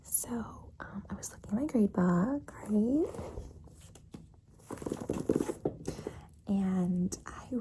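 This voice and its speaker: A woman playing a doting, flirtatious teacher in a whispered ASMR role-play, speaking in a soft, breathy, creaky whisper as if confiding a secret, often pausing to seek agreement. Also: medium pitch, low-quality recording. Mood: reassuring.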